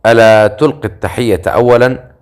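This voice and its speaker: A man's voice: medium pitch, a little fast, a little mellow, clear, resonant tone, natural voice. A man voicing a self-assured, sarcastic male hero who teases dryly. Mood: wry.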